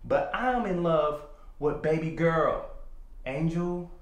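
A man acting a cocky young boyfriend in a comedy sketch, boastful with loud theatrical outbursts. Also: fairly high pitch, slow. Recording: echoey room with faint noise.

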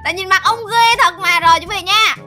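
A woman's voice: very high-pitched, a little fast, loud music behind the voice. A woman teasing and squealing her way through a playful comedy skit. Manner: teasing, squealing and laughing easily. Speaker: co-star in a skit.

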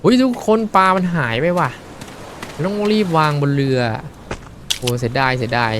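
A man streaming a horror fishing game, chatting and reacting excitedly as he plays. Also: on the high side, moderate pace, background noise. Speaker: gaming streamer. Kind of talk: live game commentary.

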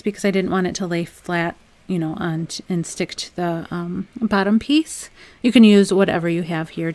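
A young adult woman hosting a home crafts channel, talking through a project in a relaxed, chatty voice-over with frequent "um"s. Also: mid-range voice, no room sound. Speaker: DIY crafts channel host. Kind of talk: casual voice-over tutorial.

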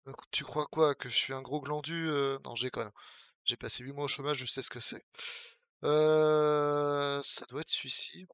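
A man's voice: a little high, steady tone, moderate pace, fairly bright tone, clean tone, dry recording, clean studio sound. A young man from the Paris region with a Parisian French accent, talking casually as a Twitch streamer while playing a game, joking and answering his chat. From Paris region, France.

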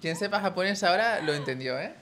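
The voice is high-pitched and fairly bright: a young man from Spain with a Spanish accent, casually chatting with his live stream viewers and calling them "tío." A little hiss or hum sits under the audio.

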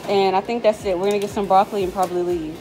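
A woman's voice: mid-range voice, steady tone, rapid-fire, a crowd in the background, poor audio. A woman hosting a casual shopping vlog, chatting and teasing while talking straight to her viewers. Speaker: vlog host, mother.

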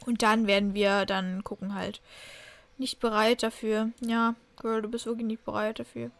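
A young woman casually commenting while she plays a life-simulation game, chatty and cooing excitedly over new kittens. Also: fairly high pitch, normal speed. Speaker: Sims let's play host.

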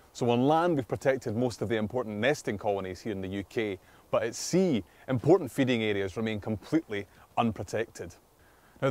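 A man's voice: lowish voice, darkish tone, no echo. A man in his thirties giving a prepared, explanatory conservation statement to camera. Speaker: conservation spokesman. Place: open meadow, outdoors.

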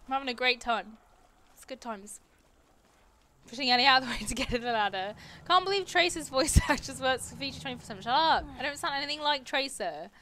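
A young British woman talks her way through a game on a livestream, chatty and playful, tossing out quick reactions. Her voice sits a little high and rings bright and sharp. A faint hiss of noise sits under the recording. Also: animated. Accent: British English. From England. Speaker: livestreaming gamer. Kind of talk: casual let's-play commentary.

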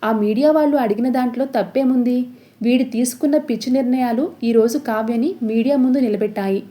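A woman's voice: a little high, brisk, dark tone, lightly acted. A woman voicing a stern elderly grandmother who scolds and threatens, read aloud in a serial recap story. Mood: angry.

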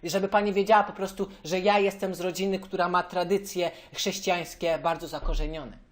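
A man's voice: sits high, steady tone, a little fast, natural voice. A man voicing a hot-tempered young male churchgoer in a prank phone call, ranting and repeating the same phrase of address.

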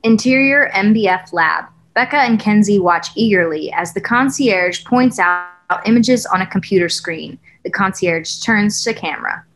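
Over a video call from a noisy room, a young woman reads screenplay stage directions as scripted narration. Her mid-range voice is fairly bright with lively intonation, moving at a moderate pace with few pauses.

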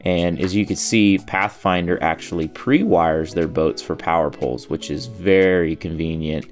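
Deep-voiced man narrating a how-to. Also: moderate pace. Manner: steady, step-by-step explaining. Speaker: boat installation narrator. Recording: faint music underneath.

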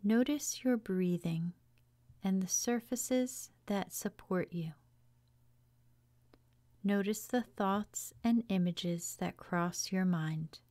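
A woman leading a guided relaxation meditation in a soft, hushed, soothing voice, leaving long pauses between phrases. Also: medium pitch. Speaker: yoga teacher guiding meditation.

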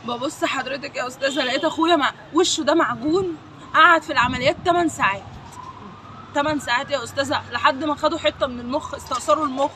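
A woman's voice: sits high, racing, pushed and bright, a little hiss or hum, poor audio. A grieving woman with an Egyptian Arabic accent, the victim's sister, speaking emotionally with repeated invocations against the accused in a street interview.

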